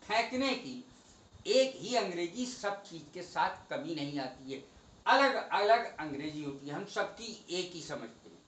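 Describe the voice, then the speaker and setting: A man teaching English vocabulary in a slow, methodical lesson, spelling each word out letter by letter. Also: high voice, expressive, fairly bright tone, reverberant.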